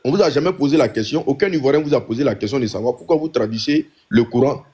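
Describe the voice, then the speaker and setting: This man from Ivory Coast, with an Ivorian accent, is a panel debater in a live online discussion, insisting on his position in an impromptu debate and repeating himself for emphasis. His mid-range voice moves at a quick pace, warm in tone and slightly rough.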